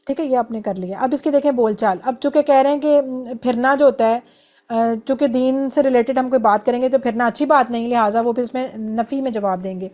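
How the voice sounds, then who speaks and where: A woman's voice: on the high side, darkish tone. A woman teaching an online grammar class, explaining patiently step by step and drilling verb forms.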